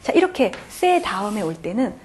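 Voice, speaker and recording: A woman's voice: medium pitch, sing-song, normal speed, a little mellow, husky. A woman lecturing on grammar, who talks patiently, keeps repeating key points and often checks in with her students. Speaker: French grammar teacher. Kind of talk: classroom lecture.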